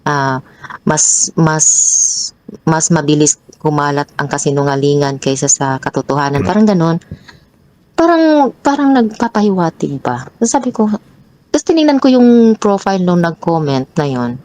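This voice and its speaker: A young woman telling her own troubling story as a guest, growing animated and restarting often as she recounts arguments. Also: normal speed, pauses often, no echo. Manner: animated, pitch jumps high when retelling arguments; frequent restarts and repeated words. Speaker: guest sharing a personal story. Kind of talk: emotional personal storytelling.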